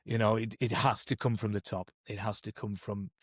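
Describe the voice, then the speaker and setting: A performance coach and podcast co-host discusses coaching methods, thoughtful and conversational, restarting sentences often and leaning on "you know"; he's a native English speaker. His lowish voice is steady at a moderate pace, in a studio-quality recording without room sound.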